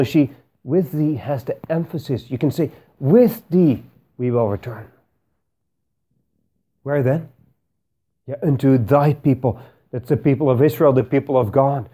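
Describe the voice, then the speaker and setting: A man preaching a sermon in a church, earnest and emphatic, slowing down to stress key words and appealing directly to his listeners. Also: on the high side, warm tone.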